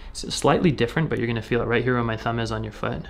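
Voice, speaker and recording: Working in an indoor treatment room with its ambience clearly audible, a man who is a chiropractor talks his patient through the treatment in a reassuring, conversational way. His medium-pitched voice races along.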